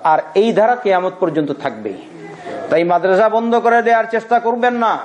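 A man teaching Quran commentary as a sermon, who recites Arabic verses slowly and keeps putting rhetorical questions to his listeners. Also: high voice, lively intonation, lo-fi sound, background noise. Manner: asks the audience rhetorical questions. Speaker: Quran teacher giving tafsir.

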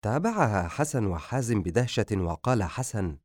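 Deep, expressive male audiobook narrator. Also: normal speed, dry recording, studio quality.

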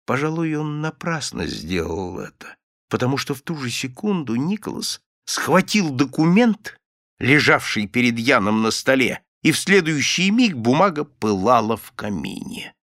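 A man reading a fairy tale aloud in an animated, expressive way. His voice carries a gravelly edge and swings widely in pitch. The recording is dry and close. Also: normal speed, no room sound. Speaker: narrator. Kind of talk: audiobook narration.

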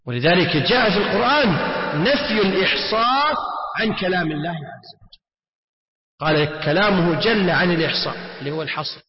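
A man's voice: high-pitched, expressive, a little fast. A man teaching a religious lesson, often repeating words and putting rhetorical questions to his students. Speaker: Islamic scholar teaching. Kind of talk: religious lesson explaining a text. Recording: echoey hall, muffled lo-fi sound.

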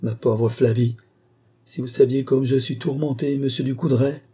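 A man's voice: mid-range voice, steady tone, moderate pace, dark tone, husky, voice pushed up, close to an everyday voice. A man voicing a tormented, grumbling middle-aged man who groans out his distress in a storybook reading. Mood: anguished. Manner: groaning, anguished.

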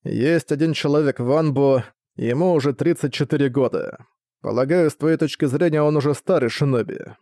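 A man's voice: medium pitch, moderate pace, warm tone, no echo, studio quality, natural voice. A man voicing a cold, scheming older male ninja commander who speaks in a level, icy way.

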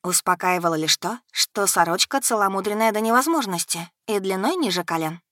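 A woman reading a novel aloud in a smooth, steady first-person narration on a close mic. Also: mid-range voice, a little fast, no echo. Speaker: audiobook narrator.

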